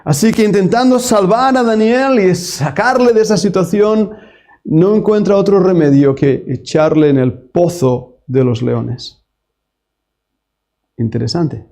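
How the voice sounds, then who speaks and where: Preacher with a high, mellow voice. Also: male voice. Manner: dramatic, rising and falling delivery reading scripture aloud. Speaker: pastor. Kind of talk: sermon.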